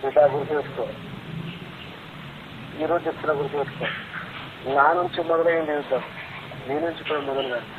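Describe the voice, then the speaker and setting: A man's voice: a little high, fairly even intonation, brisk, pauses often. A man in a heated personal argument on the phone, confrontational and threatening, repeating his demands and questions. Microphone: telephone line. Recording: leaked phone call, tinny, very noisy.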